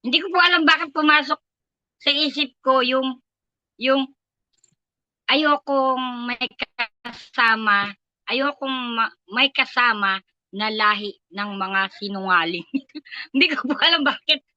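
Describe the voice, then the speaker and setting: A woman's voice: high voice, unhurried, long pauses, bright, forceful tone, no echo, dull audio. An older woman with a Filipino accent, giving an earnest, emotional personal testimony at a prayer meeting. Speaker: church member giving testimony.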